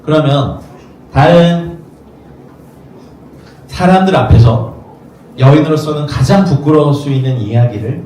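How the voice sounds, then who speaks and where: A man's voice: fairly high pitch, lively intonation, measured pace, long pauses, dark tone. A man preaching a sermon as pastor, in a conversational way, often acting out the voices of people in the story. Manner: conversational, acts out quoted voices. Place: rented studio space used for worship. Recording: echoey room, mic at a distance, faint noise.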